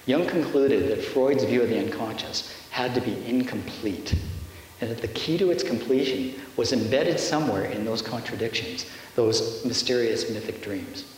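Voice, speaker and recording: A man giving a measured, explanatory lecture-style narration. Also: mid-range voice. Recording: echoey hall with faint hiss.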